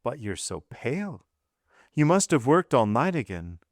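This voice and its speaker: A man reading aloud, voicing a frightened young noblewoman who stammers and pleads in a raised, drawn-out voice. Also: medium pitch, big pitch swings, dry recording, clean studio sound, pitched above the performer's own voice. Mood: calm, probing.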